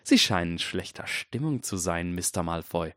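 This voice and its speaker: A man's voice: low-pitched, expressive, moderate pace, sharp tone, no room sound, studio quality. A man voicing a tall, fearless older woman who speaks in an icy, scornful and pointed way. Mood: mocking.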